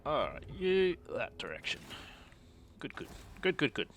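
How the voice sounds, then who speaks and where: A man's voice: a little high, huge pitch swings, unhurried, a bit bright, slight background noise. A man streaming a strategy game, thinking aloud and muttering casual commentary as he plays.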